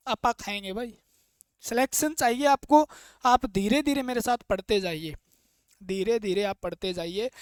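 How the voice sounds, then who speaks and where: A man's voice: very high voice, smooth, no echo, studio quality. A man from India teaching an online exam-prep lecture. He asks questions, answers them himself, and repeats key points in an earnest, coaxing way. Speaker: trade theory teacher.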